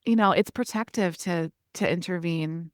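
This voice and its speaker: A middle-aged woman talks through parenting advice in a relaxed interview, slipping into animated quoted asides. Her voice sits a little low for a woman. The sound is dry and close to the mic, with no room around it. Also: no echo. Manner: animated, acts out parent-child exchanges in quick quoted asides. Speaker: parenting expert guest. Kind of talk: conversational interview.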